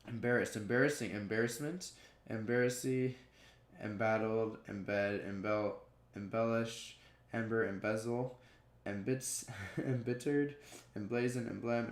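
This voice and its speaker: A man reading dictionary entries aloud one word after another, with frequent stumbles and restarts. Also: lowish voice. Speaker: video creator. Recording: echoey room.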